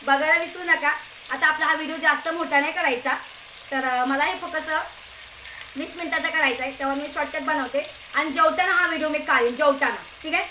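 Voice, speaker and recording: A woman's voice: sits high, a little fast. A woman with a Marathi accent hosting a home cooking video, chatting casually and checking in with viewers as she cooks. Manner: chatty, keeps asking "okay?" and telling viewers to look. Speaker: home cooking channel host. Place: home kitchen. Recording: echoey kitchen with cooking noise. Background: sizzling pan and clattering pots.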